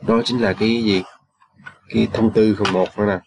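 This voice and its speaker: A man's voice: lowish voice, level tone, moderate pace, darkish tone, slightly rough, dry recording. A man explaining a writing rule in a loose, casual way, full of fillers and often checking "right?" with listeners. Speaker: channel host, engineer.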